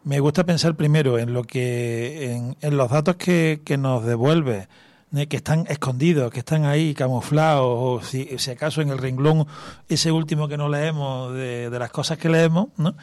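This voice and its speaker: A man's voice: a little high, moderate pace, a little mellow, no room sound. A man with an Andalusian Spanish accent hosting a radio interview, musing in long, meandering sentences full of tag questions. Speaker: radio host.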